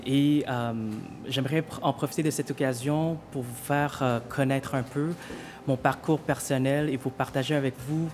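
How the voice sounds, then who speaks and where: A man's voice: medium pitch, a little mellow, slight background noise. A man from Vietnam, a pediatric hematologist and researcher, giving a prepared thank-you speech with many fillers and restarts.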